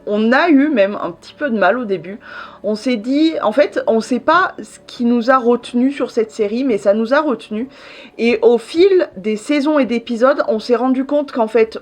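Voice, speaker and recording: Chatty French-speaking woman vlogger. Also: fairly high pitch. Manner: chatty, many fillers and restarts. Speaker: YouTuber reviewing series. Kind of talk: casual chat to camera.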